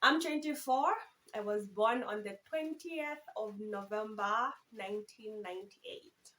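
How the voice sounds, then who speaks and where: A woman's voice: mid-range voice, a little slow, a bit bright, rough recording. A woman in her twenties from Zambia, chatting casually and playfully in a Q and A vlog, often breaking into giggles. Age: 20s. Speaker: YouTuber. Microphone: camera phone.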